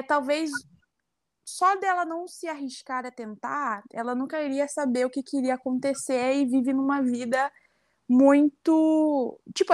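A young woman from Rio de Janeiro, Brazil, speaking with a Carioca Brazilian Portuguese accent, is a guest in a casual interview conversation, telling her story in a chatty, reflective way with frequent tag questions. Her voice sits high, and the recording is dry and close, with no echo.

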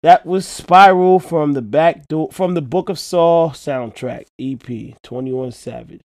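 A man's voice: fairly high pitch, a little slow, a little mellow, no room sound. Slangy hyped man hosting a music show. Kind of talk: casual chat reviewing new songs.

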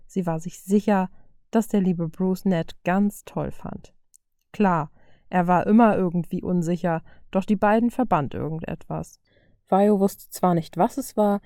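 Woman narrator, audiobook fan fiction, low mellow voice, dry close mic. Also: no room sound. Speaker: reader.

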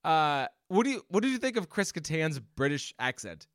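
A man's voice: on the high side, normal speed, no room sound, clean studio sound. A man co-hosting a podcast, chatting casually about a movie and restarting his sentences often. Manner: rambling, restarts often, animated. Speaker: podcast co-host. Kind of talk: casual movie review chat.

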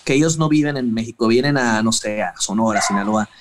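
A man from northern Mexico interviewing a guest in a relaxed, conversational way. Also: lowish voice, a little fast, noisy background. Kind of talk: casual interview chat.

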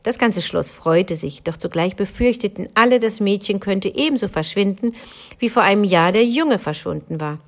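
A woman from Germany reading a fairy tale aloud as a bedtime story, in a calm, measured storytelling manner. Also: mid-range voice. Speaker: reader.

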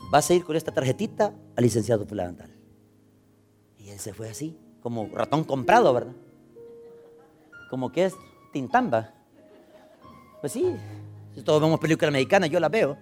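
A man's voice: mid-range voice, big pitch swings, moderate pace, pauses often, darkish tone, soft background music. A male pastor with a Salvadoran accent preaching a sermon, telling stories and acting out the dialogue, often calling out to his listeners. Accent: Salvadoran Spanish. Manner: storytelling, acting out dialogue, frequent "hermano" and "¿va?".

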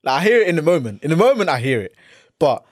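A man's voice: on the high side, big pitch swings, fast talker, no room sound, studio quality. A man with an urban London roadman accent, chatting casually and emphatically in heavy street slang, often repeating himself for effect. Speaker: podcast co-host. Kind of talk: casual banter.

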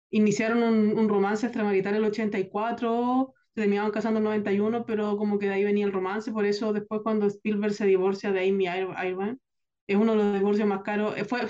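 A podcast co-host lays out background stories in a steady, informative way. The delivery stays flat, without much rise and fall, and the sound is dull and lo-fi. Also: medium pitch. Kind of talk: casual film discussion.

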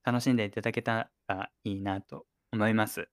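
A man's voice: on the low side, fairly even intonation, brisk. Giggly man with an Oita accent. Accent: Oita Japanese. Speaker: podcast co-host. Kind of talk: casual chat.

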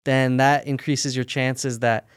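A man who runs a sock company, talking through his business in a relaxed, practical way during an interview. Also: medium pitch, slow, smooth, no room sound, studio quality. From United States. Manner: relaxed, practical, talks in run-on explanations. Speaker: sock company owner, guest. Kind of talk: casual interview conversation.

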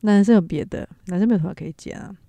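A woman's voice: mid-range voice, very fast, gravelly, dark tone, no room sound. A woman co-hosting a podcast, telling stories in a playful, mock-innocent way. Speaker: podcast co-host. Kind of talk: casual storytelling chat.

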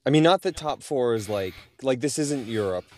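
A man's voice: mid-range voice, expressive, normal speed, darkish tone, a little hiss or hum. A man co-hosting a casual soccer podcast, rambling with lots of restarts and filler words. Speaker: podcast co-host.

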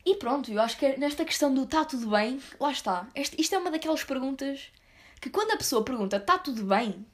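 Slangy Portuguese woman, high voice. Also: lively intonation, a little fast. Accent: European Portuguese. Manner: slangy, rambling, blunt, with sudden emphatic outbursts. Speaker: vlogger. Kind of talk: casual rant to viewers.

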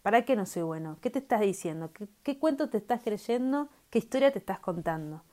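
A woman's voice: mid-range voice, animated, fairly quick, dark tone. A woman with a Rioplatense Spanish accent, hosting a reflective solo podcast in a conversational tone, full of fillers and "¿no?" tags. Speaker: podcast host.

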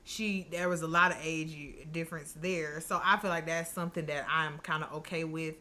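Bright-toned joking woman co-host. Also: low voice, fairly even intonation, moderate pace, a little hiss or hum. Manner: laughs often, loose and joking. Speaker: podcast co-host. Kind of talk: casual chat.

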